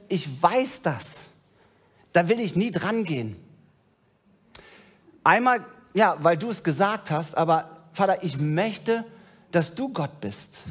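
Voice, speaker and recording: A man voicing Adam as a joyful, childlike young man who gushes enthusiastically to an unseen father. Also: high-pitched.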